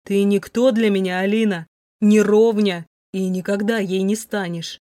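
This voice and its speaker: A scornful rich young man, as a woman narrator puts him on, speaking in a slow, icy, mocking drawl. The voice sits a little lower than her usual reading voice. The recording is close and dry with no room sound. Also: steady tone, warm tone, dry recording, natural voice. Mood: contemptuous. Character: cold contemptuous wealthy young man.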